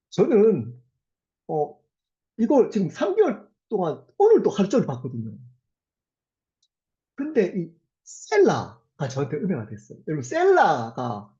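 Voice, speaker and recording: 교회에서 설교하는 남성 목사로, 억양의 높낮이가 크고 생동감 있게 말합니다. 목소리는 부드럽고 따뜻하며, 회중에게 질문을 던지고 중요한 구절은 천천히 힘주어 말합니다. 녹음은 고음이 다소 먹먹한 저음질입니다. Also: male voice, high voice, warm tone. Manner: poses rhetorical questions to the congregation; earnest, with slow emphatic phrases. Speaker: pastor. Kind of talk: sermon. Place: church sanctuary. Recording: dull lo-fi sermon recording.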